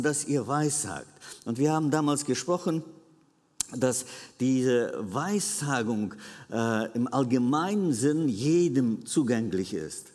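A man's voice: fairly high pitch, darkish tone. Earnest preacher, man in reverb hall. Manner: earnest, repetitive emphasis with frequent hesitations. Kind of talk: sermon. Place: church hall. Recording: long reverb of a church hall.

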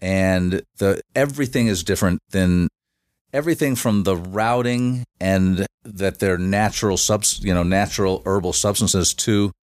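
Here a shamanic facilitator talks as a podcast guest in a relaxed interview, his low voice captured with clean, echo-free studio sound. His explanations run long and halting, full of restarts and filler words.

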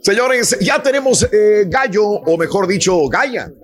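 A man's voice: sits high, animated, unhurried. A man with a Mexican accent hosting a radio show in a conversational, emphatic way, repeating phrases for stress.

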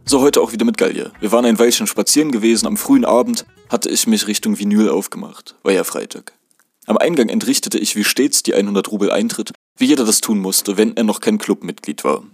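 A man from Germany reads his own first-person memoir in a calm, measured voice. His pitch sits on the low side. The recording is dry and close, with no room around it. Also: slightly rough, dry recording, faint music behind. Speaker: narrator.

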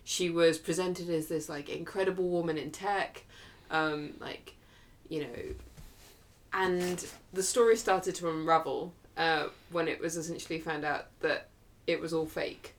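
A woman's voice: sits low, fairly even intonation, unhurried. A woman co-hosting a podcast in casual chat, rambling with lots of fillers. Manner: chatty, lots of fillers and likes. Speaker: podcast co-host.

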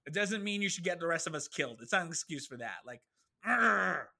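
A man's voice: on the high side, lively intonation, fast, sharp tone. A man co-hosting a casual podcast, talking animatedly and swearing freely while he acts out characters' lines. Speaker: podcast co-host. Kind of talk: casual chat.

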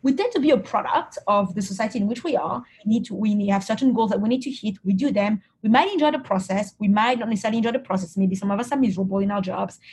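A woman's voice: mid-range voice, fast, hardly any pauses, a little mellow, slight background noise. A woman from Cameroon, a guest in an interview, answering reflectively with frequent restarts and "you know" fillers.

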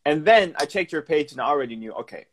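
A man's voice: fairly high pitch, lively intonation, fast, fairly bright tone. A man in his twenties from Turkey and Georgia, hosting a podcast interview on a live video call, enthusiastic and affirming. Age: 20s. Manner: enthusiastic, affirming, restarts sentences. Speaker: podcast host. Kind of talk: casual interview. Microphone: phone on a live video call.

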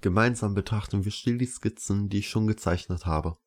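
A man calmly reading a first-person story aloud as narrator, in a measured pace. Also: on the low side.

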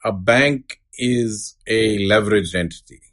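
A middle-aged man giving a measured, unscripted explanation as an expert interview guest. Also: on the low side, fairly bright tone. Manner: measured, explanatory, uses analogies. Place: studio.

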